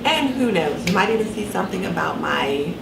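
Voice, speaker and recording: A woman's voice: fairly low pitch, expressive, fairly quick. A woman in her sixties chatting casually to camera in her kitchen, her speech slightly impeded by wearing dental retainers. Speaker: vlogger. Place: home kitchen, indoors. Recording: roomy, distant camera mic with clear background noise.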